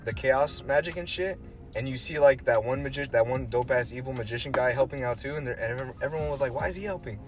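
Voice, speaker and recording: Male podcast host, mid-pitched, rambling and sweary fan chat with slang, music clearly in the background. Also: quick pace. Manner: slangy, profane, rambling storyteller. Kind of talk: casual fan chat about pop culture. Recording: music behind the voice.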